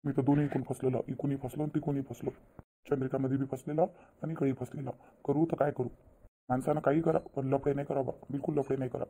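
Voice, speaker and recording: A man voicing a sly cheating husband in a cartoon, speaking in a fretful, rapid patter. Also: mid-range voice, little pitch movement, mellow, slight background noise, natural voice. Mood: fretting. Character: sly cheating husband, caught between wife and lover. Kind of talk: cartoon voice acting.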